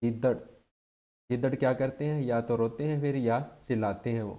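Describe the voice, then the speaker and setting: A man with a dark, mellow voice teaching an exam-prep lesson. He keeps asking short questions and answers each one himself in a steady drilling rhythm. His pitch sits in an ordinary middle range. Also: moderate pace.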